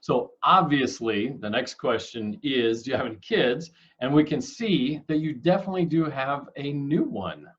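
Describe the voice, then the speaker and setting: A man's voice: medium pitch, normal speed, few pauses, fairly bright tone, highs cut off. A young man hosting a casual interview for kids, friendly and upbeat with joking asides. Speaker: host, school staff member.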